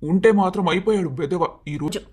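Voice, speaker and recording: Cartoon story: a performer as an earnest young husband, mid-pitched, emotional. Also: brisk, a little mellow, breathy edge, natural voice. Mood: angry. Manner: pleading, emotional. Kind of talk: Telugu storybook cartoon dialogue.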